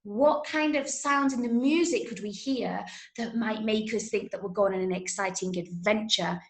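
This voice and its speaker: An English woman from Manchester, speaking in a mid-range voice at a normal pace, runs an interactive drama workshop online. She is encouraging and praises her students' answers. She's indoors on a video call, and the sound is roomy and echoey.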